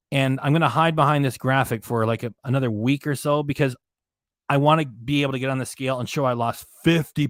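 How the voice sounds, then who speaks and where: Losing his voice, the host of a reaction channel reads chat live and rants indignantly, circling back to the same points. He has a medium pitch. A desk microphone hidden behind a graphic records him with studio quality and no room sound.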